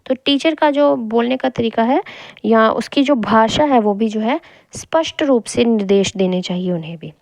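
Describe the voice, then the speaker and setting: A young woman teacher giving an exam-prep lesson, reading each point and then re-explaining it in casual mixed Hindi and English, repeating key phrases slowly. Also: on the high side, vocal fry, a little mellow, no echo.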